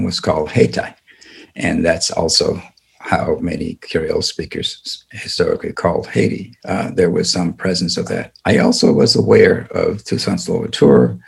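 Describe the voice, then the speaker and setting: An older man from the American South, a civil rights attorney, answers interview questions in a deep, creaky, husky voice. He speaks earnestly and deliberately, with many fillers.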